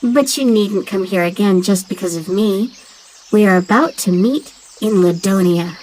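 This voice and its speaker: A woman voicing a loyal talking dove who guides the player through a game tutorial in a clear, instructive tone. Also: medium pitch, normal speed, darkish tone, slight background noise, close to an everyday voice, poor audio.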